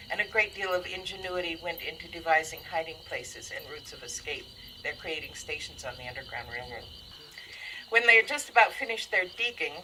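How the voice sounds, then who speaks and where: A woman's voice: on the low side, pushed and bright, low-quality recording. Woman reading a funny old tale, dry and wry, some noise behind. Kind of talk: reading a story aloud. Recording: audible background noise.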